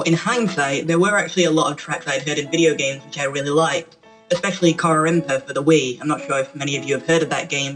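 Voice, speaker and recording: A man puts on a little guy of a mascot presenter, his voice run through a voice changer that lifts it a notch higher than usual. He chats along casually and rambles. Faint music hums underneath. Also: fairly bright tone, poor audio. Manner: chatty, rambling, self-correcting. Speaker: channel presenter. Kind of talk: casual talk to camera.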